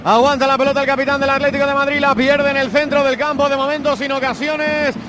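A man's voice: very high-pitched, little pitch movement, quick pace, highs cut off, noisy background. A man from Spain reporting live play-by-play from another stadium. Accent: Spanish from Spain. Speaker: field reporter at another match.

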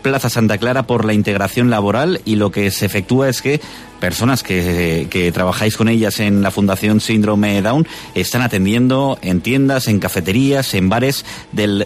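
Presentador de radio con voz grave. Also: male voice, fairly low pitch, normal speed. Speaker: radio host and interviewer. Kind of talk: radio news presenting and interviewing.

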